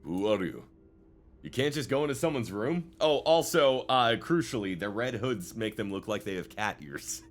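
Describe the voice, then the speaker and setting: A man's voice: mid-range voice, animated, moderate pace, hardly any pauses, slight background noise. A man giving casual, playful let's play commentary as a gaming host, full of jokey asides. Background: faint game music.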